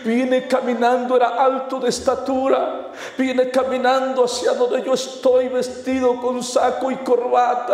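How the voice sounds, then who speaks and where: High-voiced evangelist man preaching in a hall. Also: a little mellow. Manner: impassioned, repetitive, addresses brethren. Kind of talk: sermon testimony. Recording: echoey hall.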